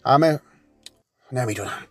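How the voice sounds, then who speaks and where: A man voicing a weary, gentle middle-aged father who is poor, speaking quietly and in a measured way. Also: medium pitch, soft background music, natural voice. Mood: tired.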